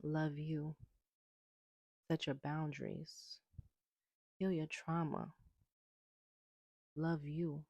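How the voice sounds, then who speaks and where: In a personal vlog about healing and boundaries, a woman speaks emphatically, swearing freely and repeating her points with mounting heat. Her low, warm voice is flat in delivery, with drawn-out words and long pauses, and there's no room sound.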